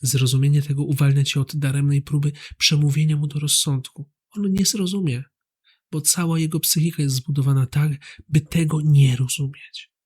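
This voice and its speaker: A man, the host of a psychology channel, giving scripted narration in a calm voice and speaking straight to the listener. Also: on the high side, moderate pace, breathy edge.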